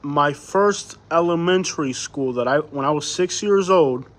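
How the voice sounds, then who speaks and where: A Cuban livestream host talks at a measured pace in a slightly high voice. He's a native Spanish speaker, and his casual chat with viewers, answering their live comments, is full of rhetorical questions.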